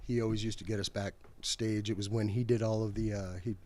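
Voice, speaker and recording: A man's voice: fairly low pitch, little pitch movement, brisk, a little mellow, a little hiss or hum. A middle-aged man telling a rambling backstage story as a podcast guest, slangy and laughing often. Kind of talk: casual storytelling chat.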